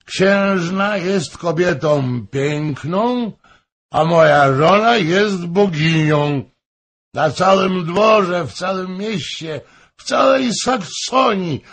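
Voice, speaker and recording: A man voicing a drunk, boastful male courtier who gushes loudly. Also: a little high, lively intonation, slow pace, vocal fry, husky, pitched above the performer's own voice, exaggerated voice. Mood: rapturous. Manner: exclaiming, gushing.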